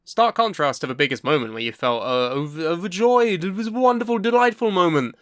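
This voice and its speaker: A young man co-hosting a casual podcast chat, swearing freely and bursting into excited yelling. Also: sits high, brisk, no room sound, studio quality. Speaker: podcast co-host.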